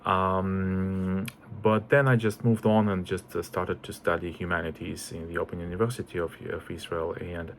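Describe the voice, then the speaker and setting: A man's voice: sits low, flat delivery, moderate pace, slight background noise. A man in his forties from Estonia, introducing himself as a composer in a casual, hesitant way with many fillers. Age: 40s.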